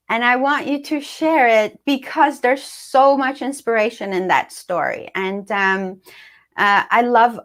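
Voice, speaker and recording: A woman's voice: mid-range voice, a bit bright. A woman hosting a live talk show over a video call, interviewing a guest with encouragement and many fillers.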